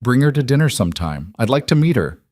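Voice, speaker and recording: A male narrator voices a wise older mother who coaxes gently and persistently. Her voice sits a touch above his low register. The recording is close and dry. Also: very animated, fast talker, no echo. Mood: gentle.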